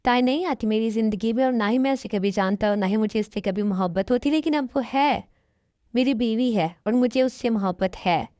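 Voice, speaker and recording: A woman's voice: fairly high pitch, brisk, mellow, no echo, clean studio sound, natural voice. A woman voicing a blunt young husband. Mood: cold. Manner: blunt, cold toward first wife. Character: young husband torn between two wives, firm. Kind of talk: Hindi fan dub drama.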